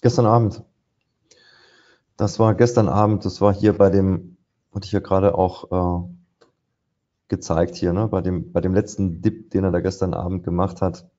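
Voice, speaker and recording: Speaking low and steady at a moderate pace, this man leaves long pauses in his mellow delivery. He presents a live trading session over screen share, commenting on charts while he trades and filling his thoughts with ums and ahs, all on a muffled recording.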